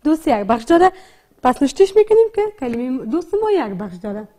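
A woman teaching a reading lesson with an Afghan Dari accent, slowly breaking words into syllables and sounds and repeating each one. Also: sits high, very animated, warm tone. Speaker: primary school teacher. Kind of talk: slow, repetitive literacy lesson.

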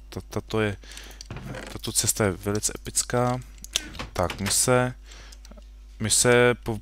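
A young man talks his way through a game at his home computer in a slightly low voice. He rambles and restarts his sentences and tosses off playful asides to the characters on screen. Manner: rambling, self-correcting, jokey asides to the game. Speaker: gaming video host. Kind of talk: casual Minecraft let's play commentary.

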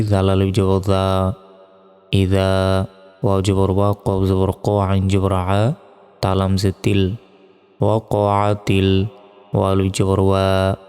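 A man with a low, steady voice teaches recitation, spelling letters slowly and chanting verses. His tone is smooth and clear. The room rings with a long reverb, and soft music plays faintly behind him. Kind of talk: religious lesson with spelled-out recitation.

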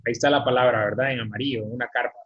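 A man teaching an English class in Spanish, patiently repeating words slowly for pronunciation over a video call. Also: medium pitch, fairly even intonation. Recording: dull lo-fi video-call audio.

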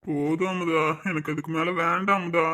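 A woman voicing a sick, teasing middle-aged village husband in a low, gruff put-on voice. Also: steady tone, moderate pace, fairly bright tone, close to an everyday voice. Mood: grumbling.

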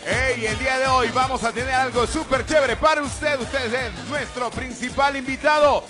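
A man's voice: very high-pitched, fairly even intonation, moderate pace, over music. A man co-hosting a morning TV show, upbeat and teasing, hyping up the next segment. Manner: upbeat, teasing, hype-style. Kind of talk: lively studio banter.

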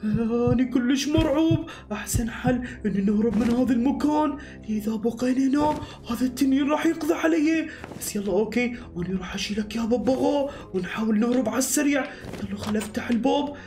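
An excitable young hero, voiced by a man with an Iraqi accent, narrates his own escape in breathless bursts. The voice sits high, and it carries a roomy echo over light music. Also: fast. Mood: frightened. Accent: Iraqi Arabic. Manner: breathless, excitable, talks to himself. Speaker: voice actor and channel host. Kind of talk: animated game-movie voice acting. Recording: echoey room with background music.

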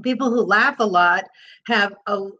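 A woman teaching laughter yoga in an interview, explaining calmly and bursting into demonstration laughs, speaking over a video call. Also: medium pitch, moderate pace, lo-fi sound.

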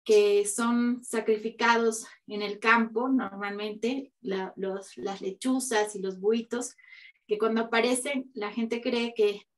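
Slow, hesitant woman on a video call. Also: a little high, steady tone. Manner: hesitant, many fillers and restarts. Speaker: exhibiting artist. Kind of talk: informal presentation on a video call. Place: home room. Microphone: video call, camera a few feet away.

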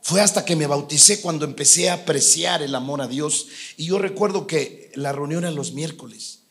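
Male pastor with a high voice; earnest, storytelling preacher who builds to loud fervor. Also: normal speed. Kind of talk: sermon.

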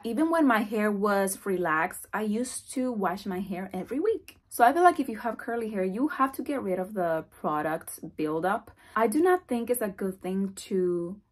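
A woman's voice: medium pitch, normal speed, hardly any pauses. Chatty young woman vlogging. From Dominican Republic. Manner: chatty, animated, gestures while talking. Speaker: hair vlogger. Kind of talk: casual Q&A vlog talk. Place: bedroom, indoors. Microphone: camera at close framing.

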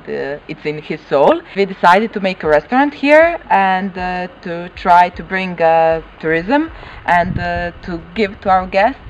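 A young woman with a Croatian accent answering interview questions outdoors, halting with many fillers. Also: fairly low pitch. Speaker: farm restaurant owner's daughter. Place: village lawn outdoors. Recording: dull, faint noise outdoors.

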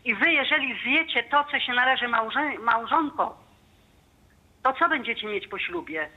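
A woman's voice: fairly high pitch, lively intonation, moderate pace. A woman in her fifties calling in to a radio show to give a fervent, devout testimony. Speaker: caller. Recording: muffled phone line.

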